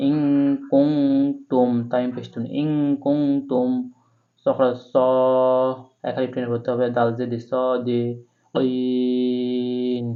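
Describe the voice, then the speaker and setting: A man in a step-by-step recitation lesson spells out letters and vowel marks one at a time. His delivery stays level and unhurried, with little rise or fall. The sound is thin and boxy, as if through a phone. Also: medium pitch, little pitch movement, phone-quality sound. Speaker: Quran reading teacher.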